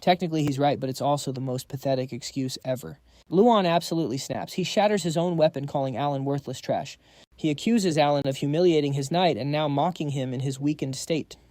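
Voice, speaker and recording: A man's voice: on the high side, fairly quick, a little mellow, dry recording, clean studio sound. A man narrating a scripted story recap, dropping quips to the audience.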